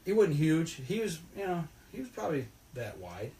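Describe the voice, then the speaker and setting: A man's voice: on the high side, moderate pace. A man telling a rambling, folksy story about a fishing trip in casual podcast chat. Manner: rambling, folksy, animated retelling.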